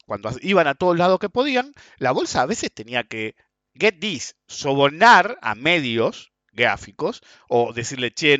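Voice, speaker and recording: A man with an Argentine accent, hosting a podcast and telling anecdotes in a casual way, often clearing his throat and chuckling as he goes. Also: on the high side, a bit bright, dry recording. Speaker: podcast host. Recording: dull lo-fi dry sound.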